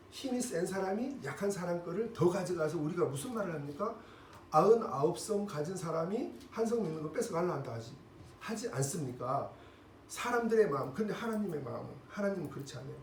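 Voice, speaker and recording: A male pastor delivers a lively sermon with a high, swooping voice, acting out the people in his story and checking in with the congregation. He sounds a little off the microphone in an echoey church hall, with a faint hum of room noise behind him. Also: recorded from a distance. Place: church sanctuary.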